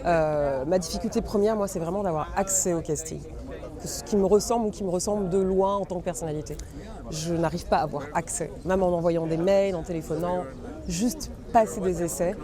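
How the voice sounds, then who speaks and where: A woman's voice: fairly low pitch, a little fast. A woman, an actress and new screenwriter, speaking earnestly in a festival interview. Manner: earnest, with light laughs. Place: outdoors at a busy festival. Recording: crowd noise outdoors.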